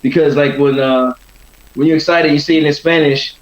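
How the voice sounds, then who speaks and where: A man's voice: on the high side, fairly even intonation, moderate pace. A man chatting casually as a boxer in an interview, rambling and often tagging on "you know". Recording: roomy, dull lo-fi sound.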